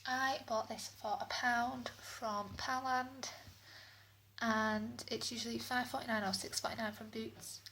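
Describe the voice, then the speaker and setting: A woman's voice: on the high side, flat delivery, a little slow, pushed and bright. A British woman giving a casual spoken product review as a beauty vlogger, her voice echoing in a bathroom. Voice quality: echoey sound. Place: indoors, echoey bathroom. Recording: echoey bathroom, clear background noise.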